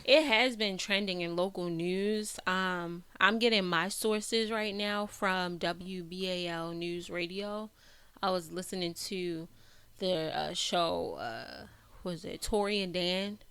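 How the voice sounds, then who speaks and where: A woman's voice: lowish voice, slow pace, a bit bright, clean tone, dry recording. A woman with a Baltimore accent hosting a podcast, chatting casually with filler words. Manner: chatty, laughs often, uses filler words. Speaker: podcast host. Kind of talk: casual chat.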